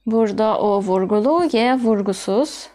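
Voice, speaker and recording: Slow, deliberate woman teaching language. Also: medium pitch, lively intonation, warm tone. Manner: spells out sounds and repeats example words slowly.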